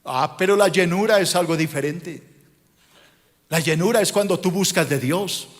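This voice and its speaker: A male pastor delivers a sermon in a high voice. He scolds his listeners and presses them with rhetorical questions. The sound carries a long reverb, as if in a large church hall. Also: moderate pace.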